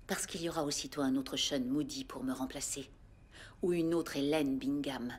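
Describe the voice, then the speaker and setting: An actress playing a cool, controlled female assassin who speaks with quiet menace. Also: extremely low pitch, fairly even intonation, moderate pace, husky. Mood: cold, calm. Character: cold, calculating female assassin. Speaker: cold professional killer.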